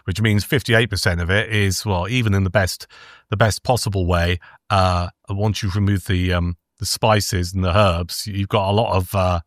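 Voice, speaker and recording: A man's voice: low voice, steady tone, moderate pace, no room sound, clean studio sound. A man co-hosting a podcast, chatting easily about food, sometimes while eating. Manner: easygoing, chats while eating. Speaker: podcast co-host. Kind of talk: casual food review chat.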